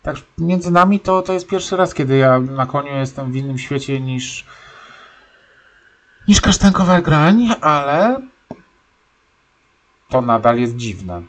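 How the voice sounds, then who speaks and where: A man's voice: medium pitch, lively intonation, measured pace, pauses often. A young man giving casual, sarcastic commentary while playing a life-simulation game, scolding his stubborn horse. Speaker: let's-play gamer.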